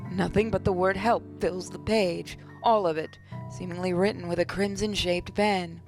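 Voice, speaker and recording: Over game music, a woman with a lowish, steady voice reads horror game text theatrically at a normal pace. She hosts the gaming video and slips in casual, joking asides.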